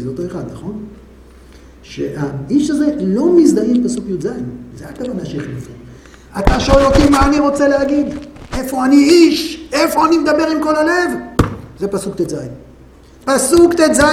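A man's voice: extremely high pitch, a little mellow, heavy reverb, a little hiss or hum, poor audio. A man teaching a Bible class, building drama by firing off rhetorical questions to his listeners. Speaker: Torah teacher.

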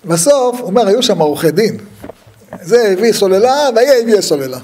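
A man giving a humorous religious talk, telling stories with lively acted-out dialogue and frequent laughter. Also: sits high, slight background noise. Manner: lively storyteller who acts out the dialogue; laughs often at his own stories.

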